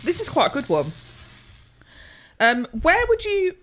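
A woman chats with very animated intonation. She is blunt and wry, talking informally as a podcast co-host. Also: very high voice, measured pace, slight background noise. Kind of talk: casual chat.

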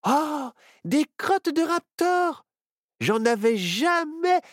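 A woman's voice: sits high, drawn-out words, dry recording, studio quality, voice pushed up, full character voice. Woman doing a bubbly young girl witch. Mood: complaining. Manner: lively, boastful.

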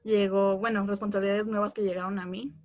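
A woman's voice: mid-range voice, level tone, quick pace, darkish tone. A young woman with a Mexican accent, calling in and telling a long, rambling story. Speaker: caller. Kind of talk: call-in conversation.

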